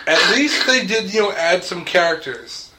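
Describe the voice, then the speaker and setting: A man's voice: sits high, big pitch swings, normal speed, pushed and bright, low-quality recording. A man co-hosting a podcast, rambling and joking in casual chat. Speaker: podcast co-host.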